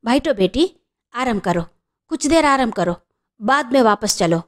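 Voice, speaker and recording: A woman's voice: high voice, big pitch swings, normal speed. A woman voicing a kindly male Gurkha watchman who mixes broken Hindi into Telugu in a fatherly way.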